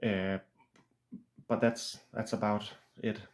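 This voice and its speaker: A man with a Danish accent, an author talking casually to camera in a halting way, with many restarts and a flat, throaty delivery. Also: fairly low pitch. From Denmark. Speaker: author and channel host. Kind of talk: casual unscripted monologue.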